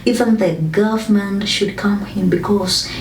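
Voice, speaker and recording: A woman's voice: medium pitch, steady tone, measured pace. Woman from Kenya, earnest advising tone, distant mic, roomy echo, faint hiss. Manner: earnest, advising, with frequent fillers. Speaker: host. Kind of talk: motivational discussion. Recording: echoey room, distant mic, faint noise.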